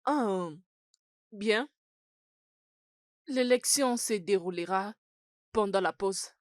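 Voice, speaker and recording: A woman dubbing a schoolteacher in a French-dubbed film, announcing things to pupils in a slow, formal way. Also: medium pitch, no room sound, studio quality, lightly acted. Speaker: school teacher.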